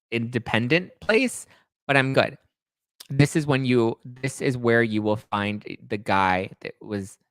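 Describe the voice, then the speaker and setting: Here a podcast host in his late twenties reads live chat comments on stream and responds candidly and conversationally. His medium-pitched voice sounds pushed and bright, and the recording is dry.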